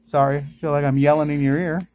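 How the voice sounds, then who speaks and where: Chatty vlogger doing casual unboxing commentary indoors; mid-range pitch, excited outbursts. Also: fairly quick. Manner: chatty, excited exclamations at each pull. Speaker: card-opening vlogger. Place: indoors at home.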